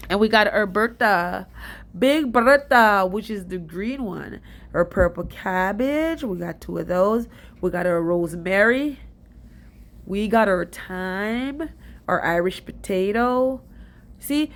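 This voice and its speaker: A young Jamaican woman giving a casual, rambling voice-over about her garden, stuffy and short of breath. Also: medium pitch. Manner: chatty, rambling and fast-talking. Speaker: DIY gardening vlogger.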